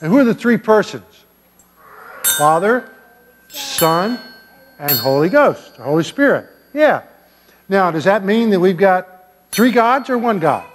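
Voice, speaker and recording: An older man, a pastor giving a children's sermon in a church sanctuary, gently and playfully asking the kids questions. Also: high voice, big pitch swings, measured pace, long pauses, a little hiss or hum. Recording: long church reverb.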